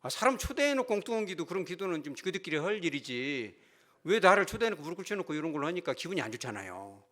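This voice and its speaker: A man's voice: fairly high pitch, big pitch swings, quick pace, pushed and bright. A male pastor preaching a sermon, telling a story with animation and putting questions to the congregation.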